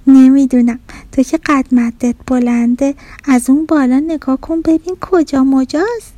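A woman voicing a kitchen stove, a gentle friend who frets and calls out anxiously. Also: high voice, steady tone, dry recording, natural voice. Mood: worried. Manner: anxious, urgent calling.

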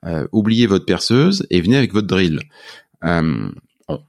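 A man from France with a French accent, co-hosting a relaxed chat and repeating words as he starts. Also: deep voice, unhurried. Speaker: podcast co-host. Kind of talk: casual conversation.

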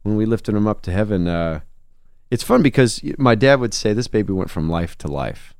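A songwriter and musician, appearing as a guest in a conversational interview, tells a personal story earnestly and reflectively. His fairly low, darkish voice has lively intonation and a moderate pace. The studio-quality recording has no room sound.

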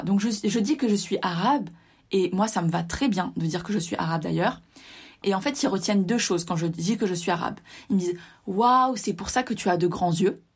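Breathy-voiced woman telling her story. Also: mid-range voice. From France. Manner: animated storytelling, addresses listeners directly. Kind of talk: personal monologue to listeners.

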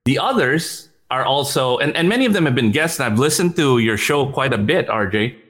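A man guesting on a podcast as a startup executive, speaking at a mid pitch. He talks quickly, laughs often, trips over repeated words and mixes into his English. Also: expressive, a bit bright. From Philippines. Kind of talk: casual interview chat.

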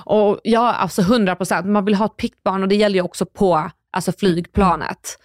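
A woman from Sweden co-hosting a podcast, telling stories in a lively, casual way with swearing and acted-out quotes. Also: mid-range voice, no room sound, clean studio sound. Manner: animated storyteller, swears casually, acts out others' lines. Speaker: podcast co-host. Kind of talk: casual chat.

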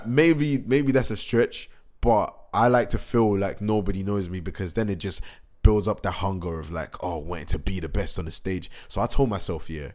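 A young man chats through a vlog in a low voice. He rambles and restarts, full of excitement, with a slight hoarseness from a recent cold. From England. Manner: excitable, rambling, slangy, many fillers and restarts. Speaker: musician. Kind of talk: casual vlog recap.

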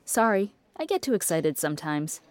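Woman as an excitable ghost-obsessed podcaster, awkward, eager, animated pitch. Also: normal speed, slight background noise. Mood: excited. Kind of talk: fiction podcast drama.

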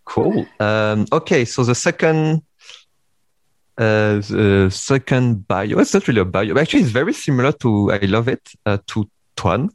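A man's voice: lowish voice, lively intonation, normal speed, no echo. A man with a Vietnamese accent hosting a casual interview, talking with many fillers and restarts. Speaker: podcast host interviewer.

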